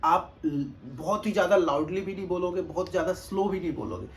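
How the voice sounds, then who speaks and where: A test-prep tutor talks directly to the camera in an expressive, fairly high voice, pushed deliberately louder than his usual speech. The tutorial is loose and casual; he patiently revisits points with quick check-ins, and the camera mic picks up a faint hum behind him.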